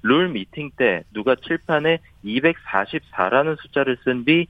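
A man's voice: medium pitch, expressive, moderate pace, dry recording, narrow, tinny audio. A man giving a formal scripted golf report in a golf commentator's manner, stumbling now and then. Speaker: sports newspaper reporter, golf correspondent. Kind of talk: scripted golf news report, play recap.

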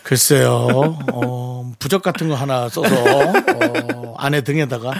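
A man's voice: mid-range voice, big pitch swings, slow pace, creaky, crowd noise. A man co-hosting a radio show in a studio, rambling through dry jokes in casual chat. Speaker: radio co-host.

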